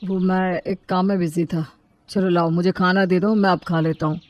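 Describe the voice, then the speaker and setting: A woman voicing an indignant, lonely widowed man in an animated storybook, complaining about being neglected. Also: lowish voice, normal speed, lo-fi sound, background noise, close to an everyday voice. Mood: weary. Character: aggrieved lonely widowed elder brother-in-law, man.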